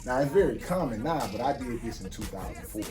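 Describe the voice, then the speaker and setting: A man in his forties, speaking casually and telling his life story in a relaxed, street-wise way as the guest of an interview. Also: medium pitch, fast, far from the mic, over music. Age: 40s. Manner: relaxed street-wise storytelling, frequent "you see what I'm saying". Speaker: guest entrepreneur.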